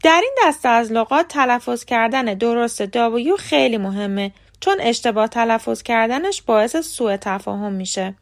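Clear, careful woman podcast teacher. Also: on the high side, expressive. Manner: clear, careful, slow word-by-word spelling of examples. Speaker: podcast host, English pronunciation teacher. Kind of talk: scripted podcast lesson.

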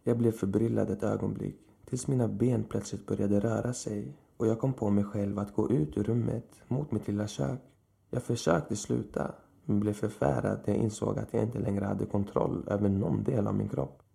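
A man narrating a horror story in a slow, measured way. His voice is low and heavily gravelly, with a dark, muffled tone that suits the dread of the tale. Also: steady tone.

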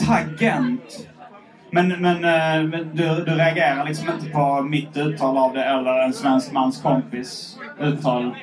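A man's voice: a little high, flat delivery, hardly any pauses, distant mic, faint music behind, low-quality recording. A man hosting a live podcast on stage in front of an audience, chatting with many hesitant fillers. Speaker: podcast host. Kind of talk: live podcast chat, reading listener letters. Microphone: handheld microphone.

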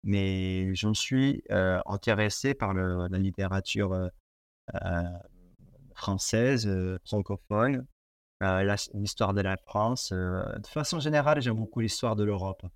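In a relaxed interview, a young Portuguese guest speaks French with an accent from his first language, Portuguese, in a lowish, clean-toned voice at an unhurried pace. He stumbles through many fillers and restarts. The studio sound is clean, with no room sound.

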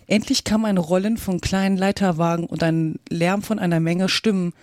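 A woman narrating a storybook in a steady, even reading voice. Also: lowish voice, normal speed, no room sound, studio quality. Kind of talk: audiobook reading.

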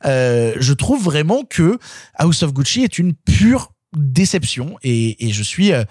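A man critiquing a film in casual conversation, animated and exasperated. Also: on the high side, slightly rough, no room sound, clean studio sound. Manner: animated, exasperated, quick-talking. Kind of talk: casual film review chat.

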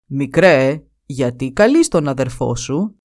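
A woman's voice: very deep voice, lively intonation, a little mellow, pitched below the performer's own voice. A woman voicing a frightened male giant who pleads nervously in a storybook tale. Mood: wary.

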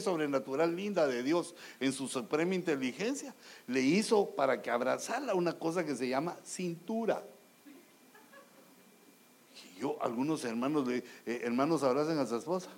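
Preacher guy, fairly high voice w some grit, acts out bits to get laughs. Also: gravelly. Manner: jokey and animated, acting out little scenes; addresses the congregation as brothers. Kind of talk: humorous sermon.

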